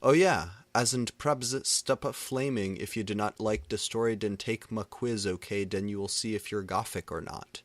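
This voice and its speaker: A man with a lowish voice reads fan fiction in a dramatic, funny style, sounding out misspellings and punctuation literally. He moves at a normal speed with few pauses, and the recording has no room sound.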